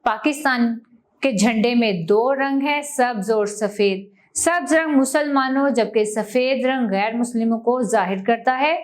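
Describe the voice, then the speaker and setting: A woman teacher, reading a school textbook lesson aloud slowly and clearly to children. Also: on the high side. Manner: slow, clear classroom reading, stressing each word in lists.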